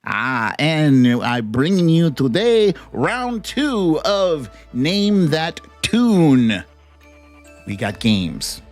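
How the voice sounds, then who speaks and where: An American host of a live online show chats casually with viewers, greeting them and giving shout-outs in a playful, slangy way. Her mid-range voice is sing-song and very slow, with soft music in the background.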